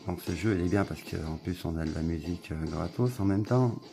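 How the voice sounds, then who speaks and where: Male tech vlogger, deep gritty voice, laid-back rambling review, music under him. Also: a little fast, vocal fry. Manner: relaxed, rambling, filler-heavy commentary. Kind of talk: casual product review.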